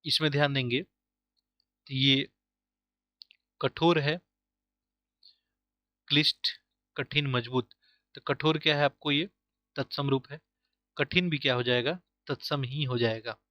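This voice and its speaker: A man's voice: medium pitch, fairly even intonation, takes it slowly, pauses often, pushed and bright, dry recording, highs cut off. A man teaching Hindi for an exam, asking himself questions and repeating each answer to drill it in. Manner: uses English words like "easily", "correct", "option" inside Hindi. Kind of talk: online exam-prep lesson.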